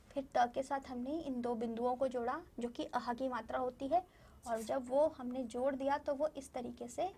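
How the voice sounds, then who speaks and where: A woman with a high, light voice gives a recorded lesson to small children. She is patient, says each word again and again at a slow, careful pace, and often stops to ask the class something before praising them. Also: breathy edge. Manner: patient, repeats each word slowly and asks the class questions. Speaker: primary school Hindi teacher. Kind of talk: online lesson for young children.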